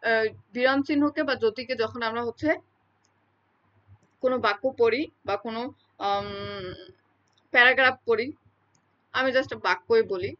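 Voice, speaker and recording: A woman's voice: fairly high pitch, moderate pace, long pauses, sharp tone. A woman teaching a lesson in an explanatory lecture style, speaking, repeating key terms and checking in with her listeners often. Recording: dull lo-fi recording.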